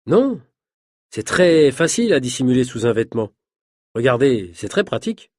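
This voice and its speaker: Guy doing a cocky daredevil host, breezy, sure of himself, husky. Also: mid-range voice, sing-song, normal speed, darkish tone, no echo, studio quality. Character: confident male daredevil showman, friendly host.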